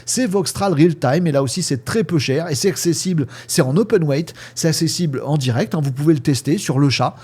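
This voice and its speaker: Chatty French tech host with a mellow voice. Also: male voice, on the high side, a little fast, few pauses, slightly rough. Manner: chatty, hesitant with frequent fillers, addresses viewers as friends. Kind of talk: casual spoken news review.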